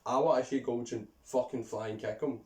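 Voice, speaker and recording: A man's voice: mid-range voice, steady tone, fairly quick, dark tone, far from the mic. A young Scottish man co-hosting a casual chat, sweary and ranting, laughing often. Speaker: YouTube co-host. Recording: roomy and off-mic.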